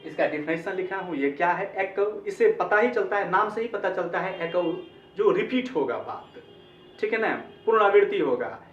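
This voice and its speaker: High-pitched man teaching in an echoey room. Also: expressive, moderate pace, a little hiss or hum. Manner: explains in Hindi, repeats phrases, asks "ठीक है?". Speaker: English teacher. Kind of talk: online grammar lesson. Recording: echoey, distant, dull-sounding recording.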